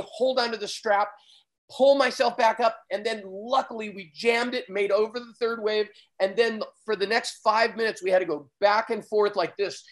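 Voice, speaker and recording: A man, a surf photographer, telling an excited, vivid story as a guest in a conversation, often getting loud. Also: high voice, poor audio.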